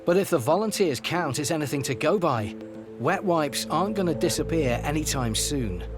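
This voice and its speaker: A man's voice: on the high side, animated, moderate pace. Wry man narrating, music behind. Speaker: documentary narrator. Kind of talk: scripted narration.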